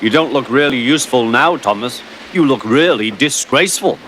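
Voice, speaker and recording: A man's voice: mid-range voice, expressive, moderate pace, fairly bright tone, a little hiss or hum, close to an everyday voice, poor audio. A man voicing a mischievous small male tank engine who mocks with amusement, over a storybook music bed. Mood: mocking. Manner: mocking, amused.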